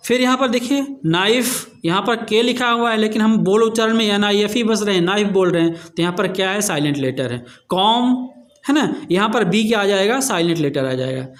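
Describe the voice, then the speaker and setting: High-voiced man teaching step by step. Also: animated, fairly quick, a bit bright. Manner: explains step by step, spells words letter by letter, asks and answers his own questions. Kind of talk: exam revision lesson.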